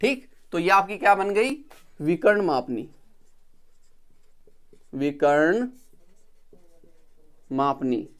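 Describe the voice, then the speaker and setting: A man teaching engineering drawing in a recorded video lecture. He repeats each step, counts slowly as he draws, and checks that students are following. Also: high voice, very animated.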